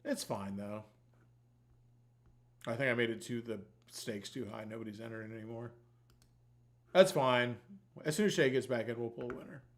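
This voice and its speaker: A man's voice: medium pitch, normal speed, pauses often. A man hosting a giveaway livestream, chatting in a loose, rambling, informal way with plenty of swearing. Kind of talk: casual rambling livestream chat.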